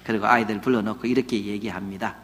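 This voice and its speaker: A pastor preaching a sermon, telling stories with loud emphasis that drops to quiet asides, in a church sanctuary. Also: male voice, on the low side, fairly even intonation, fast talker. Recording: long hall reverb.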